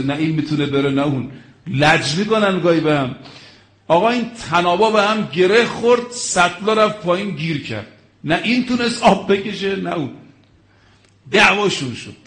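A man delivers a sermon in a fairly high voice, telling stories with dramatic flair. He acts out the quoted speech and climbs into forceful exclamations before dropping back to plain narration. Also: echoey room. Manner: dramatic storytelling, rising to emphatic exclamations, acting out quoted speech. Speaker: preacher. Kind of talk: religious sermon with storytelling.

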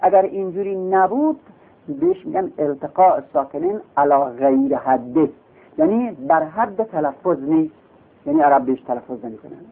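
Male teacher, gravelly voice, lively up-and-down delivery, phone-like tinny sound. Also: a little high. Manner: explains step by step, asking and answering his own questions. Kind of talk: classroom lecture. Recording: tinny lo-fi recording.

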